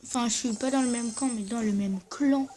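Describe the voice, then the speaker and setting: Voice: medium pitch, background noise. A speaker with braces slightly affecting their speech, giving casual, hesitant gameplay commentary and often correcting themselves. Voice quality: slurred, slightly odd speech from wearing dental braces. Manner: hesitant, halting, self-correcting. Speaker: gaming video host.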